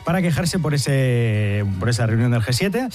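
A man's voice: medium pitch, expressive, moderate pace, a little mellow, soft background music. A man with a Spanish accent from Spain hosting a satirical news chat, full of ironic asides. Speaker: radio host.

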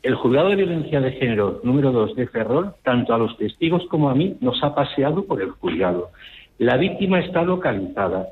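Over a tinny phone line, a Spanish man calls a radio show and insists on his complaint with indignation. His mid-range voice swings widely in pitch and runs a little fast.

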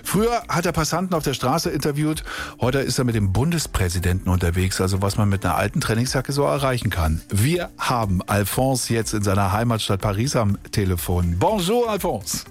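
A man's voice: medium pitch, animated, fairly quick. A man presenting a radio program, introducing and interviewing a guest in an upbeat way. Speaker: radio host. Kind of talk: radio moderation.

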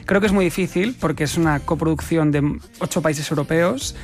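On the high side, with faint music behind him, a young actor from Spain chats casually as an interview guest. His delivery is quick and animated, broken up by frequent laughter and restarted phrases.

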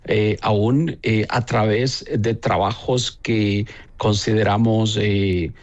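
A man from El Salvador, a bishop, answering interview questions slowly, with many pauses and fillers. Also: on the low side, fairly even intonation, muffled recording.

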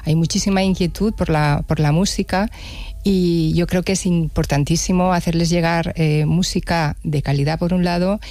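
A woman's voice: on the low side, steady tone, moderate pace, dark tone, no room sound. A woman jazz musician, a radio interview guest, speaking reflectively and stammering now and then. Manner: reflective, stammers on some words.

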